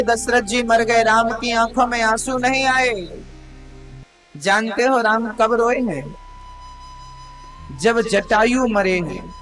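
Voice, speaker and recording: A man with a North Indian Hindi accent preaches a devotional story sermon, dramatizing the tale and turning to his listeners directly. His voice sits high and he speaks slowly, lingering over phrases. Faint music plays softly under the live talk. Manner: dramatic, voices characters in quotes, addresses listeners as mother. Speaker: Bhagavat katha preacher.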